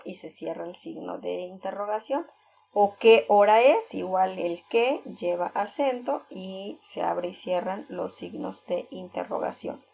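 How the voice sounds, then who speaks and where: Slow, patient woman teaching a lesson. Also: medium pitch, a little mellow. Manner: patient, explains step by step with examples; fills pauses with "este". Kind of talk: recorded reading-skills lesson. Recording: dull lo-fi recording.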